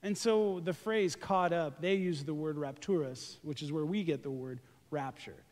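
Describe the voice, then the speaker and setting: Dude pastor preaching, kinda high voice, cracks jokes constantly, big church echo. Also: male voice, moderate pace. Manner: joking, animated, casual slang. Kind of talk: sermon. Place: church sanctuary. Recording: reverberant church hall.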